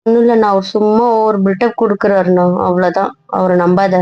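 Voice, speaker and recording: A woman's voice: mid-range voice, fairly even intonation, brisk, dry recording. A young woman in casual couple banter, sulky, pleading and stubborn. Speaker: wife in a couple vlog skit. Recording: dull, dry lo-fi audio.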